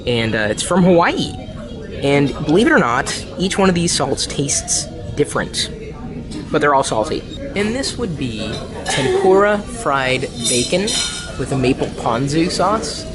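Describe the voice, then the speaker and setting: A man's voice: on the high side, big pitch swings, a little slow. A man hosting a casual food vlog, chatty as he describes dishes and teases in playful banter. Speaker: vlogger. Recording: music playing behind.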